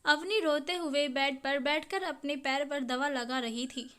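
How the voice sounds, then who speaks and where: High-voiced woman reading a family story. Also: steady tone, unhurried, fairly bright tone. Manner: reads every character's lines in her own voice, reading the speaker names aloud. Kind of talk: scripted story narration.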